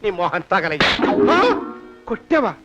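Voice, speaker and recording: A man's voice: sits high, big pitch swings, normal speed, loud music behind the voice. An actor playing a scheming, miserly landlord who blusters and grunts between his lines. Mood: haggling. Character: scheming miserly middle-aged landlord, jittery and bossy. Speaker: master of the house. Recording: dull lo-fi film soundtrack.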